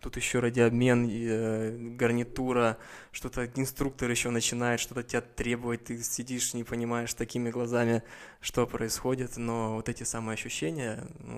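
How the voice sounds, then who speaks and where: A man in his twenties speaks as an airline pilot being interviewed. He explains things step by step in a mid-pitched voice, pausing as he goes. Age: 20s. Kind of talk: interview answers about career.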